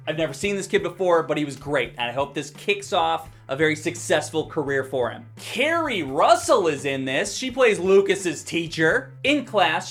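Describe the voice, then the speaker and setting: A man's voice: on the high side, a bit bright. A man giving a casual movie review for his vlog, wry and joking, with casual swearing.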